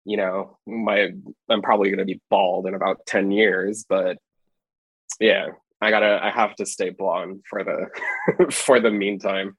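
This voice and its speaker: A young man from Hawaii, a photographer guest, speaking in a relaxed, rambling way full of fillers. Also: deep voice, a little slow, husky, no room sound, rough recording. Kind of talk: casual podcast interview.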